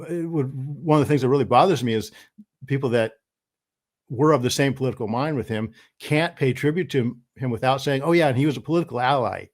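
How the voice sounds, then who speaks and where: A man at an ordinary mid pitch speaks as a podcast guest. He gives firm opinions in an earnest, conversational way, often pausing on fillers. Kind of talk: casual conversation.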